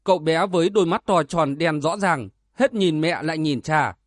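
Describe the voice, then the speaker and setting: A man narrating a martial arts novel as an audiobook in a steady, dramatic reading. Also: a little high, moderate pace, no room sound, studio quality.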